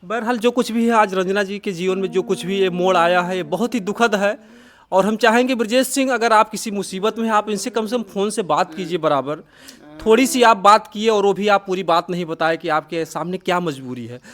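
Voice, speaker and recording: Guy interviewer, pretty high voice, earnest and sympathetic. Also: a little fast, fairly bright tone. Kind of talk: news-style interview.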